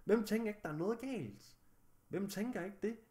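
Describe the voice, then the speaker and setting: Young male vlogger, slightly high-pitched, agitated, swears heavily. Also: lively intonation, a little mellow. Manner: agitated, angry, heavy swearing. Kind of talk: recounting a personal story to camera.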